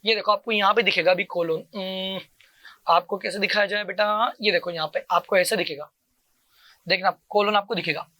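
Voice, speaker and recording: Male coaching teacher, bright tense voice, dry close mic. Call-and-response drilling that keeps addressing the student warmly. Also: steady tone, a little fast, no echo. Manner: asks a question, then answers it himself in a lower voice; keeps calling the listener "beta" and repeats each term.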